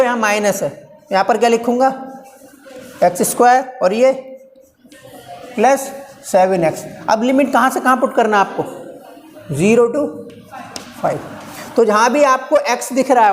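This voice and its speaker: A male physics teacher lecturing a live class, coaxing and teasing his students as he talks through each step aloud. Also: high voice. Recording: reverberant classroom, faint background noise.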